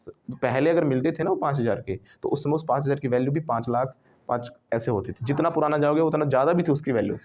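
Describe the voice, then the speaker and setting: This is a man drilling a class in English through questions and repetition, speaking Hindi mixed with English while students repeat words after him. He has a medium pitch, speaks fast, and sounds a little mellow.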